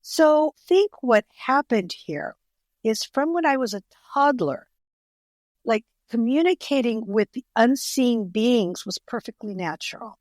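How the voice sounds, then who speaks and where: With a fairly high, expressive, slightly mellow voice, an older woman unhurriedly tells stories during an interview where she is the guest author. Her first language is Greek, she speaks earnestly and often restarts, and the studio sound is clean with no echo.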